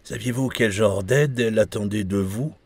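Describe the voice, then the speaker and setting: A man reading the part of a calm, probing male French police inspector, asking measured, polite questions. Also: on the low side, faint music behind, close to an everyday voice. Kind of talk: audiobook character reading.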